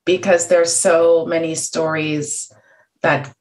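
A woman's voice: low-pitched, flat delivery, slow. A woman interviewing in a conversational way, feeling her way carefully into each question.

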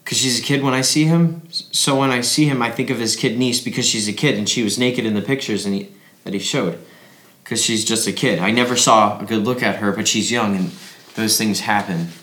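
A man's voice: fairly low pitch, brisk, fairly bright tone, lightly acted. A man playing a drugged, injured young man whose mouth is bleeding, rambling and repeating himself in an audio drama. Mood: troubled. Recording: roomy echo.

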